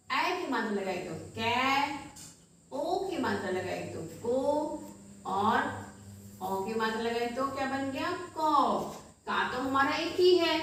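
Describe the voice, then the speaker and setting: A woman teacher talks young children through a grammar lesson at the board, slow and patient, asking questions and then answering them herself. Her voice sits high. She is recorded from a distance in a very echoey room with a faint hiss behind. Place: classroom with a board. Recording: echoey room, mic far off, faint noise.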